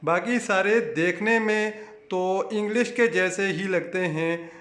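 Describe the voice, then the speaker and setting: A man with a Pakistani Urdu accent narrating a language lesson in a measured, explanatory way. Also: sits high, a bit bright, reverberant. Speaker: language teacher.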